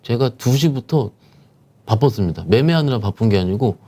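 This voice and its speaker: A man talks through the stock market with a lively, swooping voice, pressing his points with rhetorical questions. His tone is dark and mellow. He sounds like a securities professional giving a guest commentary. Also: medium pitch, a little fast. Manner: animated, emphatic explanation with rhetorical questions. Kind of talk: explaining stock market conditions.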